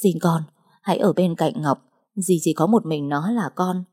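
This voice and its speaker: A woman's voice: on the low side, normal speed, warm tone, husky. A woman voicing a desperate middle-aged mother who pleads and insists, in an audiobook. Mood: pleading. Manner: imploring, insistent.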